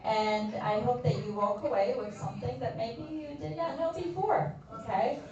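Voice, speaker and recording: A Polish nurse practitioner with a Polish accent gives a chatty health talk to a group in a community room, friendly and speaking straight to her audience. Her voice is on the high side at a moderate pace, with a crowd audible behind her. The recording is distant, echoey, and slightly dull.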